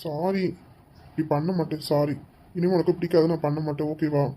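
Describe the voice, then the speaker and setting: A woman playing a mellow-voiced pleading young husband. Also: medium pitch, normal speed, natural voice. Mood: apologetic. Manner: coaxing apologies, turning irritated. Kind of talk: comic couple skit acting.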